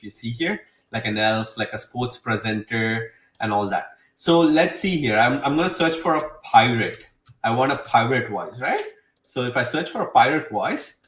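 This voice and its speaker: A man's voice: medium pitch, a bit bright. A man gives a casual, enthusiastic walkthrough, rambling and leaning heavily on fillers. He sits some distance from the mic. His voice rings around a roomy space. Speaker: host demonstrating software. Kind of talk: casual screen-share tutorial. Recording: roomy sound, away from mic.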